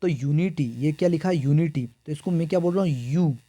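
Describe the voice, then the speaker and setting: A man's voice: fairly high pitch, brisk, mellow, no room sound. Dry, close Indian man teaching exam grammar. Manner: repetitive call-and-response questioning. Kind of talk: exam prep lesson.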